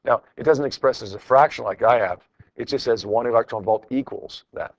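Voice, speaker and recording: A middle-aged high school physics teacher with a medium-pitched voice speaks fairly quickly as he works through problems with students in his classroom. His informal, encouraging lecture repeats phrases for emphasis, and the lo-fi recording has no echo.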